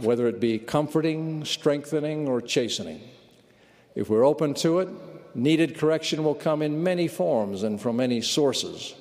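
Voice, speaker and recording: A man giving a sermon at a church conference, measured and earnest. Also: medium pitch, a little mellow. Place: large conference hall. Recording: long reverb of a large hall.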